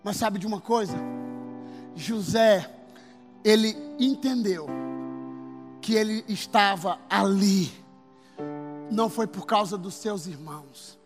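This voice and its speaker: A man preaching a sermon as pastor, emphatic and building to shouts. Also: high-pitched, takes it slowly, pauses often. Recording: long hall reverb with faint music.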